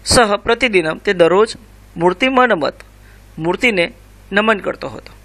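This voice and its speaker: A man, teaching a school revision lesson, reciting and explaining slowly and carefully. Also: high voice, bright, forceful tone. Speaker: Sanskrit teacher.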